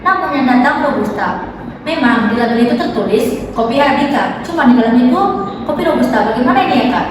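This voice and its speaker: A woman's voice: high voice, lively intonation, fast. A young woman playing a civil café-owner customer with a complaint in an amateur business role-play. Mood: civil, concerned. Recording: very echoey room, distant mic, noisy.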